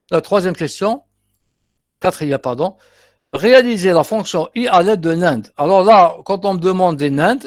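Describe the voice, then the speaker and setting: A man's voice: high voice, no room sound, studio quality. Algerian-accented man teaching a class. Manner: explains step by step, repeats terms, mixes in short asides. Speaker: university teacher. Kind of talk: classroom lecture, working through exercises.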